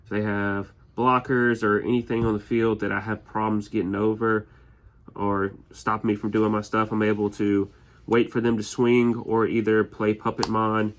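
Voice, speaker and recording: The tournament champion goes over his winning deck in an easygoing manner, restarting often and leaning on fillers, with an occasional sniffle from a slight head cold. His voice is on the low side with little pitch movement, at a normal speed.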